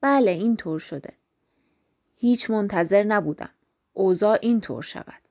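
A woman's voice: medium pitch, animated, gravelly, darkish tone. A woman voicing a timid, poor male clerk who pleads anxiously in a storybook reading. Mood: dazed.

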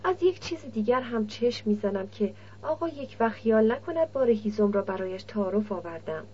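A woman's voice: fairly high pitch, lively intonation, mellow, a little hiss or hum, lightly acted. A woman reading the lines of a blunt, guarded young male nomad camel driver in an audiobook. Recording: dull lo-fi recording.

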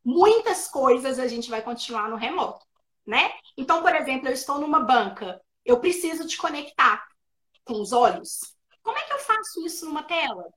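Mineira woman, speech therapist guest, high voice, animated, tip-giving. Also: normal speed, poor audio. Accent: Minas Gerais Brazilian Portuguese. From Minas Gerais, Brazil. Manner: animated, practical, gives tips with examples. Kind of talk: explanatory interview answers. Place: remote live video session.

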